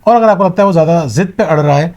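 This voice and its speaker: A man's voice: sits high, a little mellow, muffled recording. A middle-aged man giving a motivational talk to viewers, earnest and advising, mixing in English words. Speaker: motivational speaker.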